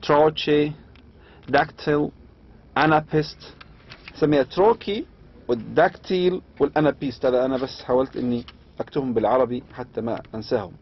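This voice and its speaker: A man with an Arabic accent lecturing on poetry, reading slowly and adding quick asides. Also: medium pitch, slight background noise. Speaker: university lecturer. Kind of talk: lecture explaining English meter, mixing English and Arabic. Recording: dull lo-fi lecture recording.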